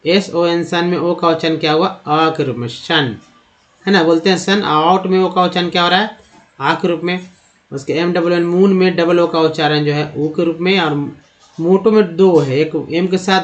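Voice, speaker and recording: Male tutor, explanatory lesson, slightly high voice, asks and answers his own questions. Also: highs cut off. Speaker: English teacher.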